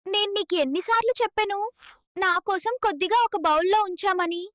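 A woman voicing a cheeky, quick-tongued young rat in a cartoon. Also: extremely high pitch, fairly bright tone, dry recording, clean studio sound, pitched above the performer's own voice. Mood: pleading. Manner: sassy, talks back. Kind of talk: cartoon voice acting.

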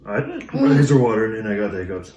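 A man's voice: on the low side, quick pace, mellow, reverberant. A man chatting casually as he tastes spicy snacks, trading dry jokes with his co-host. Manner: joking, dry asides. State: coughing and sweaty. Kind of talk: casual chat.

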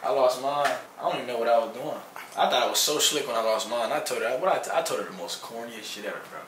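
A young man, a rapper, chatting casually in a recording studio with relaxed slang and easy laughter. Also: medium pitch, fast talker, slight background noise. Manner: laid-back slangy banter, laughs easily. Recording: roomy, distant, music playing.

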